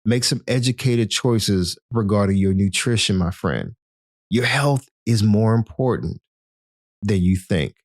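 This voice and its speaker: This is a man hosting a motivational health podcast, speaking in a fairly low voice. He keeps encouraging the listener and calls them his friend. The sound is close and dry, with no room echo. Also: lively intonation, a little slow. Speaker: podcast host.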